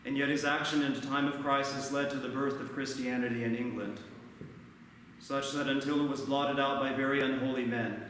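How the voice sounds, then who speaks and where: Priest preaching in an echoey church. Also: male voice, medium pitch, steady tone, a bit bright, distant mic, slight background noise. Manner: measured, earnest preaching from a lectern. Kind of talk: sermon. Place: large church, indoors. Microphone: far camera, no mic seen.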